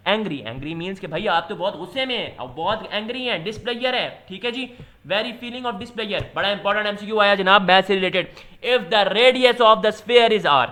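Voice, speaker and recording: A man with a Pakistani accent, explaining entry test questions as a tutor in a loose, chatty way, reading English questions out slowly. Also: high voice, pushed and bright. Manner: switches to slow, deliberate pace when reading English questions; loose, chatty teaching with fillers.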